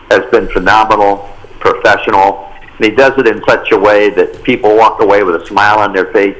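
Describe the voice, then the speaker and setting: A man serving as county commissioner offers praise in a steady, plainspoken way. His voice sits somewhat low. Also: low-quality recording. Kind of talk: meeting remarks.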